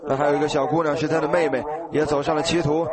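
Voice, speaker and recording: A man's voice: on the high side, level tone, very fast. A man preaching a sermon in an earnest, exhorting way, telling a story and acting out the dialogue. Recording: loud crowd behind the voice.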